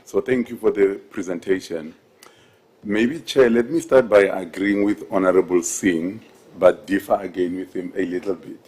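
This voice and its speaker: Deep, husky man. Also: normal speed, a little mellow. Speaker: member of parliament speaking in a committee briefing. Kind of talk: formal, courteous committee remarks.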